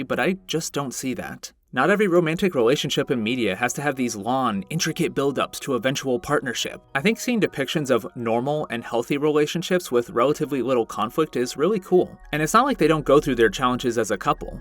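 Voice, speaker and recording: Man, video essayist, earnest and reflective commentary, mid-pitched voice, faint music underneath. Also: fairly bright tone. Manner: earnest, reflective and self-deprecating. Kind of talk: scripted commentary.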